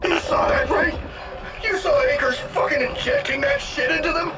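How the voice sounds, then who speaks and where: A man's voice: very high voice, big pitch swings, normal speed. An actor playing a wounded, despairing man in pain in a sci-fi horror game. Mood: panicked pain. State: in pain, distressed. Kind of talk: video game voice acting. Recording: roomy echo, distant from the mic.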